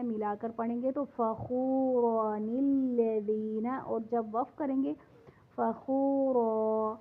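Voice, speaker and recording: A woman with a Pakistani Urdu accent teaching a tajweed lesson, switching between brisk explanations and slow, drawn-out recited examples. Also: fairly high pitch. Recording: tinny phone-like lo-fi audio.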